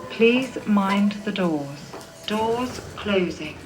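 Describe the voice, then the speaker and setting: An automated female voice giving lift announcements over a loudspeaker, in slow, measured, clipped phrases. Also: mid-range voice, expressive, music in the background. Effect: automated lift announcement played over a loudspeaker. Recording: echoey lift car with background noise, voice from a speaker.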